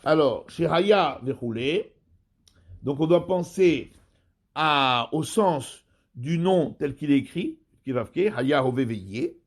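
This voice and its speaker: A man, a rabbi giving a Torah study lesson, explaining slowly and repeating and rephrasing terms. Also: a little high, lively intonation.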